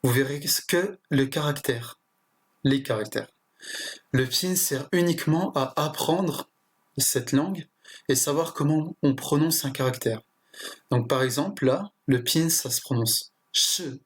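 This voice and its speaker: Male tutor, slightly breathy voice, talks through a lesson with hesitations and restarts. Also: fairly high pitch, a little slow. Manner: hesitant, with frequent fillers and restarts. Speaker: language teacher. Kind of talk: explanatory lesson.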